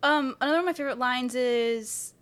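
Bright, high-voiced woman co-host. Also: fairly quick, smooth. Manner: enthusiastic, quotes favorite lines and laughs often. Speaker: podcast co-host. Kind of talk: casual chat.

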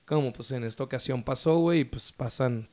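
A man with a northern Mexican accent and a hoarse voice, chatting casually and using heavy slang. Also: mid-range voice, brisk, a little mellow. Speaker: podcast co-host.

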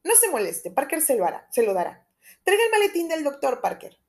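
A woman reading an audiobook, voicing an anxious middle-aged gentleman who confides in urgent, lowered tones. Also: wildly swooping pitch, a little fast, heavily acted. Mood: brisk.

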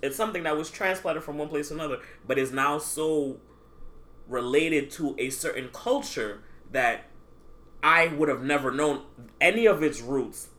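A man co-hosting a podcast in casual chat, explaining with emphatic, drawn-out phrasing. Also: fairly high pitch, pushed and bright. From Haitian American, born in the US. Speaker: podcast co-host.

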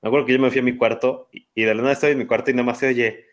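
A man in his twenties with a Mexican accent, co-hosting a podcast and telling stories in a lively way. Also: medium pitch, racing. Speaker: podcast co-host. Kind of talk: casual chat.

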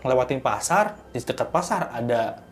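A man tells a horror story in casual chat, his voice at an ordinary middle pitch. He grows animated as the tension builds, pushing higher and louder. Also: normal speed, slight background noise. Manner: animated, rising in pitch and volume at tense moments. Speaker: guest storyteller.

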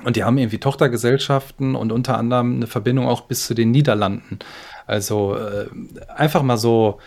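A man co-hosting a podcast, talking in a relaxed, chatty way with frequent fillers and hedges. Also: mid-range voice, brisk. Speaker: podcast co-host. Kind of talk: casual chat.

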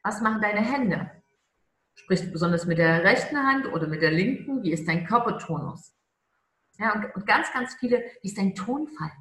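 A woman coaching on charisma in a conversational interview, emphatic and stretching key words slowly. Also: medium pitch, lively intonation, fairly bright tone, echoey room.

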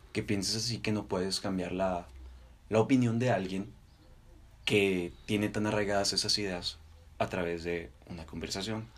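A young man with a Mexican accent co-hosting a podcast, debating casually and deliberately in short, halting phrases. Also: lowish voice. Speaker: podcast co-host.

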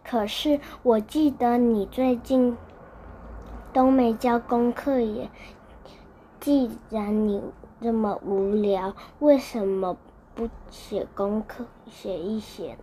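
A woman's voice: fairly high pitch, slow, mellow, slight background noise. A woman voicing a curious, kindly young child in a bedtime storybook, earnest and wondering.

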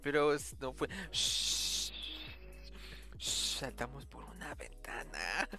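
A man puts on a robot whose battery is dying, slurring its words slowly as if drunk. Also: mid-range voice, expressive, creaky, pushed and bright, soft background music, exaggerated voice. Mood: woozy, slurring. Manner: slow, slurred, trailing off. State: battery running out, slurred and drowsy. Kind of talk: casual retelling of a film scene between friends.

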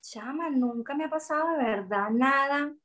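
A Venezuelan woman chatting as an interview guest, telling stories in an expressive, animated way and acting out what others said. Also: sits high, normal speed. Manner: expressive, animated storytelling with quoted voices. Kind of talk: casual chat.

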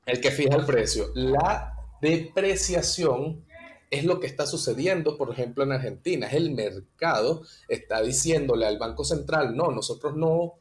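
A man's voice: medium pitch, moderate pace. A man, a guest in an interview, patiently explaining economic terms step by step with examples. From Venezuela.

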